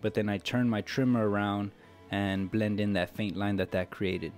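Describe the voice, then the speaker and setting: An American man who cuts hair explains a tutorial step by step in a relaxed way while guitar music plays behind him. He speaks at normal speed in a lowish, flat voice.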